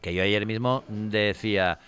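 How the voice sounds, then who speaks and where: A man's voice: fairly low pitch, a little slow, fairly bright tone, clear, resonant tone, soft background music. A man from hosting a casual talk show, telling anecdotes and mimicking other people's voices. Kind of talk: casual radio chat.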